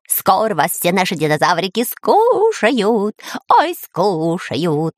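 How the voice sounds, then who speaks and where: A woman's voice: medium pitch, wildly swooping pitch, takes it slowly, no room sound, clean studio sound, full character voice. A woman voicing a scheming male parrot villain in a storybook reading, shrieking and taunting.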